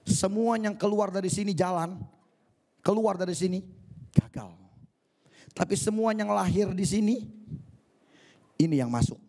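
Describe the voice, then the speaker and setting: A male pastor preaching a sermon for an online church service, lively and acting out scenes, with English phrases mixed in. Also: high-pitched, measured pace, long pauses. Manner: animated, acts out scenes, mixes in English phrases.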